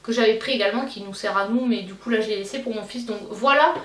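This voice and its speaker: A young Belgian woman with a Belgian French accent, chatting casually as a beauty vlogger and pausing often with fillers and restarts. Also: mid-range voice. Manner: hesitant, many fillers and restarts. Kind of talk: casual chat. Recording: roomy, slightly distant mic, faint noise.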